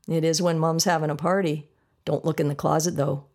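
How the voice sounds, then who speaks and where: A woman voicing a timid, nervous grown man who is easily startled, in a storybook reading, speaking a bit lower and quieter. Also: flat delivery, brisk, close to an everyday voice. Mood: shy.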